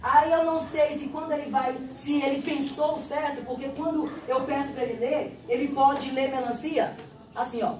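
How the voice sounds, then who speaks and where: A woman's voice: high voice, steady tone, moderate pace, hardly any pauses, darkish tone. A woman with a Brazilian Portuguese accent, a literacy teacher explaining a classroom test step by step and acting out exchanges with pupils. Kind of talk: instructional explanation. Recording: roomy echo, distant mic.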